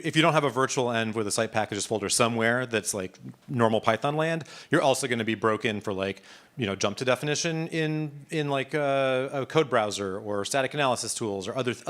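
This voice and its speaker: Male instructor, mid-pitched, casual live-demo delivery with fillers and restarts. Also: brisk, a bit bright. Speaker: workshop instructor. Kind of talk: live coding workshop.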